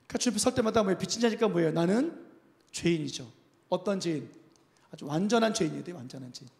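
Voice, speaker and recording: A man's voice: sits high, expressive, fast talker, gravelly, a little mellow. A male pastor preaching a sermon, emphatic and full of repeated questions to the congregation, in a church sanctuary. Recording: reverberant church hall.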